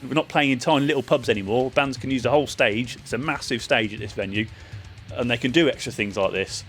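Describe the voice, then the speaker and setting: Man, festival vlogger, casual review, chatty, middle-pitched voice. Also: fast, a bit bright, faint music behind. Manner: chatty, loose, with frequent ums and uhs.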